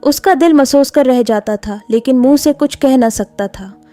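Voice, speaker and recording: Mellow-voiced woman narrating a story. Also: high voice. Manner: steady, measured reading. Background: soft background music.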